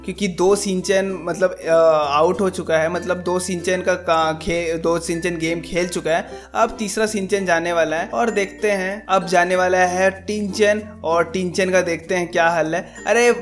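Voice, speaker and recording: A young man giving excited gameplay commentary as a gaming YouTuber, yelping and exclaiming often. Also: sits high, moderate pace, hardly any pauses, soft background music. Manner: excitable, frequent yelps and exclamations.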